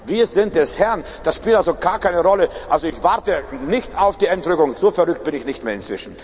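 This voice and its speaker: A man preaching a sermon, talking straight to his listeners, often swinging between loud outbursts and hushed asides. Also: on the high side, brisk, big-room sound. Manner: lively, shifts from loud to hushed; talks straight to listeners with repeated questions.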